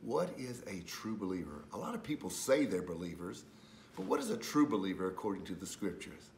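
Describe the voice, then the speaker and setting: Man preaching, rising to loud fervor. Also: brisk, gravelly, a little hiss or hum. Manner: builds from calm teaching to loud, high-pitched preaching. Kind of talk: sermon.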